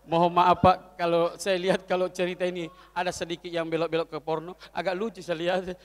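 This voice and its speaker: A man tells jokes to a corporate audience in a high, lively voice. He slips in and out of characters, dropping soft for some and shouting for others. The hall's long reverb trails after every line. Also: brisk. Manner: lively storytelling, swings between loud and soft voices for characters. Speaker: comedian. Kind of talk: stand-up jokes at a corporate event. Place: event hall.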